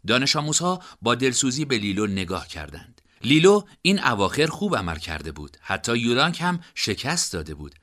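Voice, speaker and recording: Lively male audiobook narrator. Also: mid-range voice. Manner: expressive storytelling.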